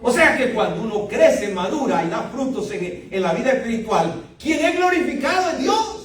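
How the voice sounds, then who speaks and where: An older man, a pastor, delivering a lively sermon with frequent laughs and exclamations. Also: very high voice, normal speed, a little hiss or hum. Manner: animated preaching with frequent laughter, rising to exclamations. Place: church sanctuary. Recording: echoey church hall, voice from a distance.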